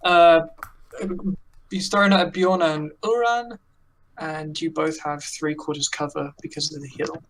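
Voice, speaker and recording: A man narrating as dungeon master in an online tabletop game, halting with many ums and uhs. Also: a little high, recorded from a distance, rough recording. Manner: relaxed, halting with many fillers.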